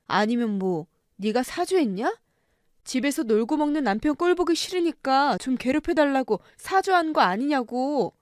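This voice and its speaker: Woman voicing a harsh drunk husband, shouting and scornful, story radio drama, dry close sound. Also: high voice, dry recording. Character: drunk, violent middle-aged husband, bitter and bullying.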